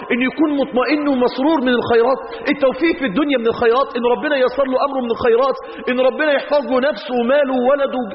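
A man's voice: extremely high pitch, a little hiss or hum. A man preaching a sermon with an Egyptian Arabic accent, emphatic, repeating phrases and asking rhetorical questions. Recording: echoey hall, dull lo-fi sound.

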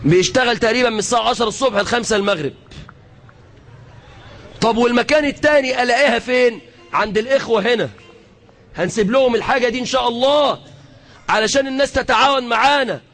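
A man with an Egyptian accent preaching to a crowd, fiery, shouting out prayers and switching between everyday and formal speech. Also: very high voice, quick pace, long pauses. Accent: Egyptian Arabic.

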